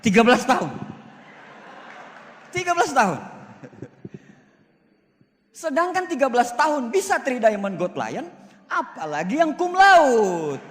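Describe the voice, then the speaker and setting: Man in his forties, high voice, hall reverb, brash seminar speaker. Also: a little slow, long pauses, slight background noise. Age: 40s. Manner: animated, boastful, jokey, shifts loud and soft. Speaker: motivational speaker. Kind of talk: seminar success talk. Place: large hall.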